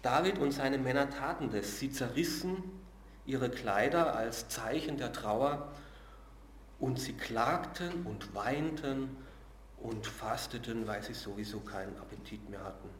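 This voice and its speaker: Prediger in hallendem Saal. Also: male voice, medium pitch, expressive, roomy sound, slight background noise. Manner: earnest, slows and drops to a hush on key words; uses filler sounds between phrases. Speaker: preacher. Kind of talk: sermon.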